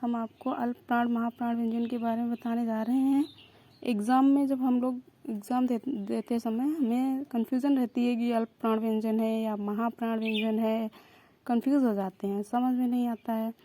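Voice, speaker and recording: Female teacher, young adult, patient and repetitive delivery, warm tone. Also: on the high side, steady tone. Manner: repeats and spells out sounds slowly, explaining patiently. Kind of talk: exam-prep lesson explaining consonants.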